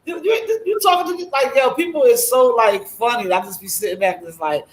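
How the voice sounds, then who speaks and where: A woman's voice: a little high, expressive, a little fast. A woman co-hosting a casual podcast chat, blunt, profane and emphatic, sometimes raising her voice. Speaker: guest co-host. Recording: roomy echo.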